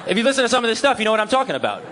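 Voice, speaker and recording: Young man doing lively stand-up. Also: extremely high pitch, racing, crowd noise. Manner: casual, rambling with filler words. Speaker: stand-up comedian. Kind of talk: stand-up comedy set. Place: comedy club stage with audience. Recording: noisy club recording.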